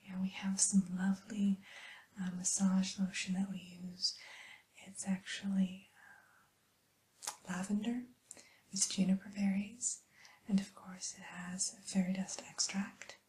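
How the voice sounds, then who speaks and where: Female ASMR whisperer, mellow and hushed, gentle receptionist roleplay, unhurried with soft hesitations. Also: mid-range voice, little pitch movement. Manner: soft unvoiced whisper, slow and soothing.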